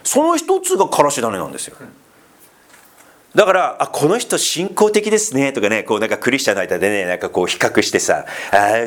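A man preaching a casual, conversational sermon as pastor, full of fillers and asides, asking the congregation questions and teasing them. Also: fairly low pitch. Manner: chatty, asks the congregation questions and teases them.

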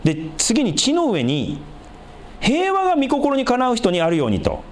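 A man preaching a sermon as a pastor, animated, repeating words for emphasis and swinging from low asides to high, exclaimed scripture. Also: normal speed, a little hiss or hum.

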